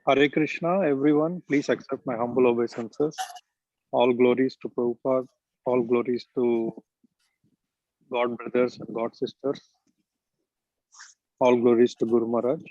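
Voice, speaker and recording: A man's voice: medium pitch, fairly even intonation, normal speed, pauses often, mellow, no room sound, highs cut off. A man greeting a video meeting formally, with a string of devotional salutations. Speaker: meeting participant. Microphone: video call.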